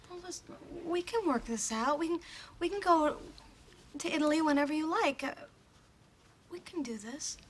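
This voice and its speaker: A woman's voice: high-pitched, expressive, moderate pace, pauses often. An actress playing an upbeat young woman who talks in a playful, teasing way in a sitcom. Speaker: sitcom character. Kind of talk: sitcom acting.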